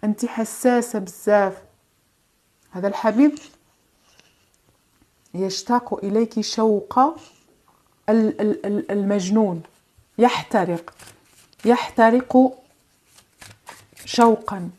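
Female tarot reader, soft-toned and warm, slow soothing delivery with hesitations. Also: mid-range voice, steady tone. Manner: gentle, reassuring, drawn-out phrasing with hesitations and French phrases. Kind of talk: tarot card reading.

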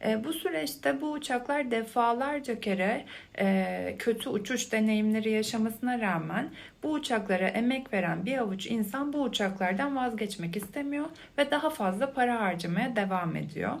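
Quiet, creaky-voiced woman, soft ASMR explainer. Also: fairly high pitch, moderate pace, few pauses. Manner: quiet, hushed, calm delivery as if at night. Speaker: host explaining a psychology concept.

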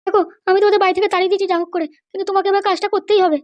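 A woman's voice: very high voice, flat delivery, very fast, no echo, pitched above the performer's own voice. A woman voicing an anxious, pleading middle-aged mother in a cartoon, fretful and insistent. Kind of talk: cartoon voice acting.

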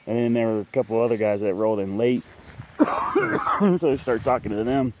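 A man's voice: medium pitch, very animated, moderate pace. A man recording a casual bikepacking vlog outdoors at a rural campground, talking candidly in a rambling way with many fillers and restarts. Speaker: bikepacking vlogger. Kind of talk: casual trail vlog to camera.

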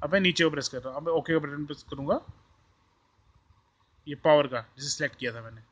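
A man with an Indian accent hosts a tech tutorial, speaking quickly in a slightly high, somewhat bright voice. The session is informal and hands-on, switching between Hindi and English as he explains step by step and repeats himself.

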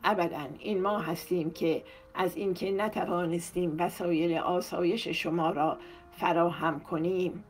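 A woman's voice: fairly low pitch, fairly even intonation, slight background noise, lightly acted. A woman reading as a wry, curious man of the house. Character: curious middle-aged man of the house, mildly mocking. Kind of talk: audiobook character reading.

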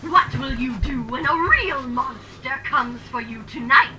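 A woman's voice: high-pitched, measured pace, bright, forceful tone, a little hiss or hum, heavily acted. A woman voicing a sassy, teasing, theatrical talking pumpkin toy.

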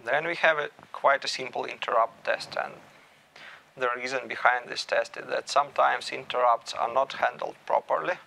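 A man in his thirties giving a technical talk at a meetup, measured and thinking aloud with small restarts. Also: medium pitch, fairly even intonation, creaky, sharp tone, low-quality recording. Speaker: meetup speaker. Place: small room with stage curtains.

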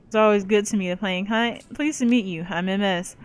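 Fairly quick and mid-range in voice, a female gaming YouTuber does a let's play of a role-playing game, reading its narration and every character's lines in her own voice with playful asides. The audio is poor.

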